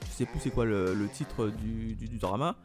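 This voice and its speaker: A man's voice: on the low side, normal speed, music in the background. A man casually going through upcoming manga releases, thinking aloud with lots of fillers as he reads titles off a list. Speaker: manga YouTuber.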